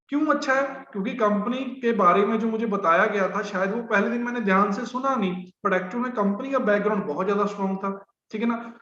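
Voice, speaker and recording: A man's voice: high voice, bright, forceful tone. A man gives a business training talk, speaking conversationally with many fillers. The recording is roomy and dull.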